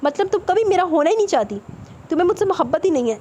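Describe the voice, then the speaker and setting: A woman's voice: very high-pitched, very animated, darkish tone, a little hiss or hum, voice pushed up. A woman voicing a possessive coaxing lover. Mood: hurt. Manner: coaxing, intense. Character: possessive young man, romantic lover.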